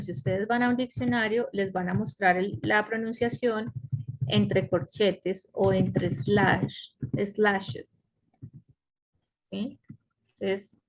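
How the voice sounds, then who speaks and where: A woman teaching an online English class, explaining slowly and patiently and often checking in with her students. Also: medium pitch. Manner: slow, patient explaining with frequent checks like "¿cierto?". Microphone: computer mic on a web conference.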